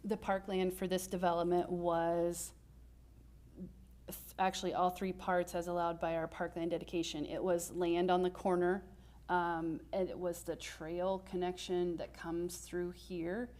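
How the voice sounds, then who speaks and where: A woman's voice: fairly low pitch, little pitch movement, unhurried, a little mellow. A woman from city planning staff, explaining a development plan step by step to a council, with frequent ums and uhs. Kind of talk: presenting a staff report.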